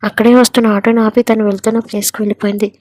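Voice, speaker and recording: Woman narrating a story in a flat voice. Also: a little high, very fast, no room sound. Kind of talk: scripted narration of a serial story.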